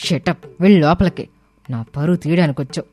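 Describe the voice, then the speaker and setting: A woman voicing a stern, modern mother-in-law in a cartoon, sharp and scolding. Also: sits low, fairly quick.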